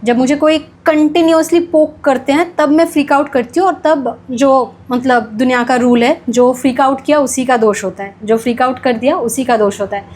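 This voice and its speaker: A young woman telling a personal story in a casual monologue, animated and self-deprecating, slipping English phrases into her talk. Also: high voice, normal speed, few pauses, slight background noise. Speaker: devotional vlogger.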